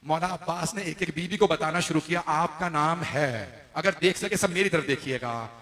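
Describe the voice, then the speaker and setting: A man delivering a mourning sermon as a dramatic story, his fairly high voice sharp and forceful. He speaks straight to the gathering and swells into loud, wailing calls. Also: a little fast, big-room sound. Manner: addresses the gathering directly. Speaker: preacher.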